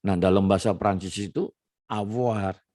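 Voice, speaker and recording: A man with a lowish voice gives a casual language lesson. He explains patiently, checking in with little "ya" and "nah" tags. The sound is dry and close, with no room echo. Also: fairly even intonation, mellow. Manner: explains slowly, peppers phrases with "ya" and "nah". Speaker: French teacher.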